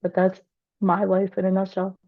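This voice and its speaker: A woman introducing herself on a video call in a hesitant, halting way. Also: mid-range voice, completely flat delivery, no room sound. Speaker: workshop participant, massage therapist. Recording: tinny phone-like call audio.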